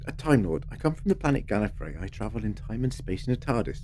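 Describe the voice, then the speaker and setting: A man's voice: fairly low pitch, big pitch swings, quick pace, darkish tone, a little hiss or hum. A man playing an eccentric, genial time-travelling alien in an audio drama, playful and wry with theatrical mutterings.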